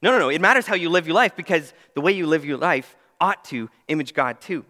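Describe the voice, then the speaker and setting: A young man preaches a sermon in a church sanctuary, his bright voice sitting high. He talks in an earnest, emphatic way and slips in self-deprecating asides. The sound carries a long hall reverb. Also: expressive, fast. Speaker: pastor.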